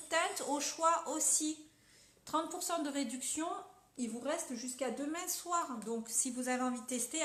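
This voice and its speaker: A woman's voice: sits high, fairly bright tone, roomy sound. A young French woman chatting casually as she sells makeup on a live stream, upbeat and full of fillers.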